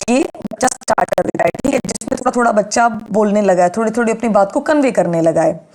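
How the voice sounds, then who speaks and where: A woman's voice: on the high side, a little mellow, rough recording. A woman teaching an exam-prep lecture, explaining step by step and asking and answering her own questions.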